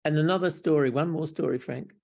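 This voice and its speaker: Fast and on the high side, with vocal fry and a darkish tone, this older Australian man is a Buddhist monk telling wry, reflective stories. He talks casually over a video call from a small room at home, using a webcam mic, chuckling and often starting over.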